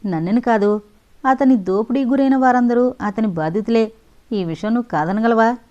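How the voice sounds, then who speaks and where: A woman voicing a sharp-tongued, stubborn young woman who speaks sarcastically and firmly, in an audio novel. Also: mid-range voice, moderate pace, highs cut off, close to an everyday voice. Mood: stern, sarcastic. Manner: sarcastic, firm.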